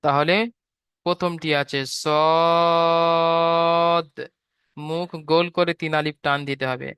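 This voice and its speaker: Clear-voiced man teaching patiently. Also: on the high side, steady tone, moderate pace, a bit bright, no room sound. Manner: patient, repeats each point, draws out letter sounds. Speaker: Quran reading teacher. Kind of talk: step-by-step online lesson.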